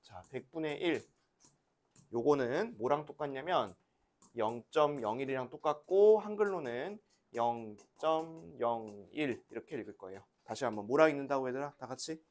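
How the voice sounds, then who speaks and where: A woman's voice: extremely low pitch, animated, fairly quick, a little mellow. A teacher leads a class of young children through a math lesson, her voice rising and falling a great deal as she asks questions and waits for answers. She sounds like a woman speaking in a classroom, patient and coaxing as she has the children repeat after her. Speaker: elementary school teacher.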